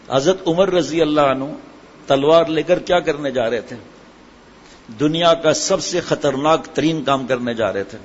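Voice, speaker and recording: A middle-aged man preaching a sermon, asking his listeners questions and answering them himself. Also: fairly high pitch. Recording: hall echo, dull sound, faint ambient noise.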